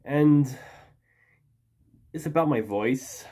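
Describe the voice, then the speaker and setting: A youthful-sounding YouTuber in his early twenties hosts a video casually, adding chatty, apologetic asides. His voice is fairly high, warm and slightly rough, and he talks very slowly.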